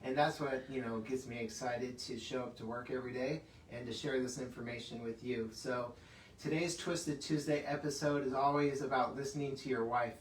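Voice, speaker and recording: A man's voice: mid-range voice, steady tone, normal speed. A man hosting a casual health talk from his clinic, chatty and laughing often, with plenty of fillers. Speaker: chiropractic clinic host. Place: clinic room. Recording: echoey room, mic at a distance, faint hiss.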